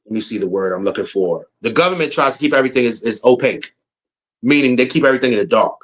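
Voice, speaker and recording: In a casual opinion rant, an American political commentator talks fast at a medium pitch. He is blunt and slangy, going back over his points again and again for emphasis.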